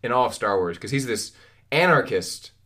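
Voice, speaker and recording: A man's voice: mid-range voice, lively intonation, moderate pace, sharp tone. A man co-hosting a casual talk show, acting out scenes with quoted voices and laughing often. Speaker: podcast co-host. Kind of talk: casual chat.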